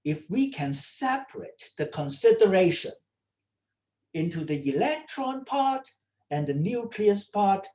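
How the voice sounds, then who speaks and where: Slow-spoken woman lecturing with many "okay?"s. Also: medium pitch, very animated, a little mellow. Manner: checks in with students often, repeating "okay?". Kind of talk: online lecture. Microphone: computer mic on a video call.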